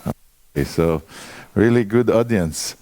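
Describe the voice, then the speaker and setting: A man in his forties from Croatia, speaking with a Croatian accent as he gives a conference presentation and puts quick questions to the audience. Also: lowish voice, mellow, no room sound. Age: 40s.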